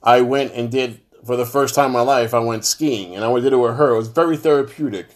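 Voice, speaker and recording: A man's voice: mid-range voice, a little fast. A middle-aged man speaks frankly to his fans about hard times. His voice sits in an everyday middle register. He is blunt and heavy-hearted and swears freely as he talks. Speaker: show host talking to fans. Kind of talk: personal monologue to camera.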